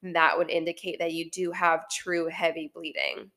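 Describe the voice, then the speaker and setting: A woman's voice: on the low side, flat delivery, normal speed, a bit bright. Slightly congested woman hosting a health podcast. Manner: friendly, explanatory. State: congested, recovering from illness. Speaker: podcast host, naturopathic doctor. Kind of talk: casual health podcast talk.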